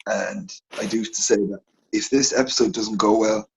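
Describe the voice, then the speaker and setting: A man co-hosting a casual sports podcast, telling animated, rambling stories in a husky voice. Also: lowish voice, moderate pace, rough recording. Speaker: podcast co-host.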